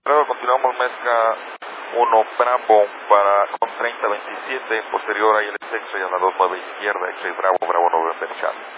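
A man's voice: fairly low pitch, fairly even intonation, moderate pace. A man, a pilot, giving clipped position reports over a cockpit headset radio to air traffic control. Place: aircraft cockpit. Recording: noisy tinny radio transmission.

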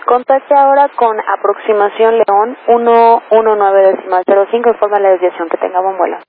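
High-pitched controller snapping quick commands over a tinny two-way radio. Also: male voice, fairly even intonation. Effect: crackly two-way radio transmission. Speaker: air traffic approach controller. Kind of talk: clipped radio phraseology. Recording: narrowband radio channel with faint hiss.

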